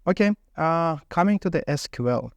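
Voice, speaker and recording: A man's voice: fairly high pitch, expressive, moderate pace, vocal fry, smooth, no echo, lo-fi sound. A man acting as interviewer in a mock technical interview, putting questions and follow-ups to a candidate.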